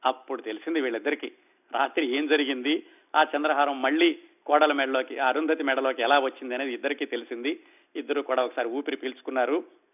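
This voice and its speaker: A man's voice: mid-range voice, fairly even intonation, fast. A man retelling a novel as spoken storytelling, conversational, acting out the dialogue and commenting in between. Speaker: storyteller host. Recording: tinny phone-like sound.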